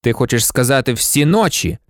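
A man reading an audiobook, voicing a stern, impatient policeman who talks in a brisk, scolding, sarcastic way. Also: mid-range voice, animated, no echo, studio quality, close to an everyday voice. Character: gruff stern male policeman, mocking and impatient.

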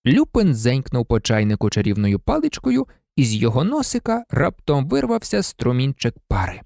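A male audiobook narrator reads in a theatrical way, with his pitch swinging widely. His voice is gravelly. The recording is dry and close. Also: wildly swooping pitch, normal speed, a little mellow, dry recording. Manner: theatrical, varied. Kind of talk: expressive audiobook reading.

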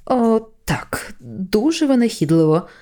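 A woman's voice: medium pitch, big pitch swings, measured pace, dark tone, voice pushed up. A woman reading a storybook voices a fussy, anxious male angel who hesitates and then panics. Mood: flustered. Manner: flustered, hesitant, rising into panic.

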